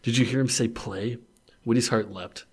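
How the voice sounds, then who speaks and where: A man's voice: medium pitch, steady tone, normal speed, darkish tone, breathy edge. A man co-hosting a podcast, reading fan fiction aloud for laughs and breaking into laughter. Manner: laughs while reading, playful. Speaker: podcast co-host.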